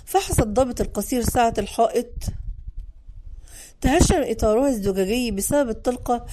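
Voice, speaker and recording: A woman reading a first-person novel aloud, dramatic and expressive. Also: on the high side, fairly quick, slight background noise. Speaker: audiobook narrator. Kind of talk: first-person audiobook narration.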